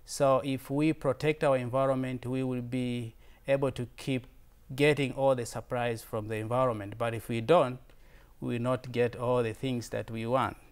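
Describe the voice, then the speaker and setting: With a clean, mid-range voice that barely moves in pitch, a Tanzanian man in his thirties speaks at a moderate pace. He is a visiting fellow giving an informal slide presentation, earnest and prone to repeated words and restarts. Swahili is his first language, and his accent is Tanzanian.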